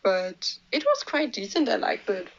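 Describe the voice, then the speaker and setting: A woman's voice: mid-range voice, wildly swooping pitch, moderate pace. Young woman, casual recap host, blunt and cheeky, mid voice, lo-fi mic. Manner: blunt, sweary, laughs at her own jokes. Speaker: movie reviewer.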